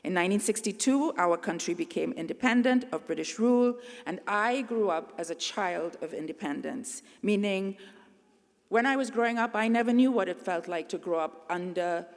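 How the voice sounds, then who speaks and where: A middle-aged woman delivers an earnest, measured commencement address at a podium. Her voice carries a gravelly edge and sits at an ordinary pitch. The sound rings out with the long reverb of a large convocation hall. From Trinidad and Tobago. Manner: earnest, measured, speaking to a crowd. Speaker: convocation speaker.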